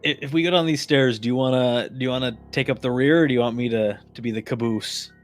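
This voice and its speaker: A man's voice: medium pitch, quick pace, faint music behind. A man playing in a tabletop game, casual and playful, laughing easily and stammering. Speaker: player.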